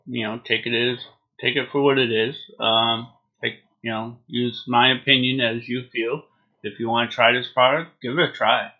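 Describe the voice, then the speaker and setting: Male reviewer, 40s, middle-pitched, slow, easygoing and halting delivery, muffled lo-fi home recording. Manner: laid-back, hesitant, trailing phrases. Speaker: product reviewer. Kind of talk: casual unscripted video review. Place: small home room, indoors. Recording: dull lo-fi webcam sound.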